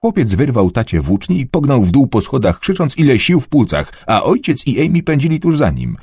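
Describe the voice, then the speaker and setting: Husky, expressive male audiobook narrator. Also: a little fast, dry recording, studio quality. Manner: expressive, dramatic storytelling with varied pitch. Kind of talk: scripted narration of a children's adventure novel.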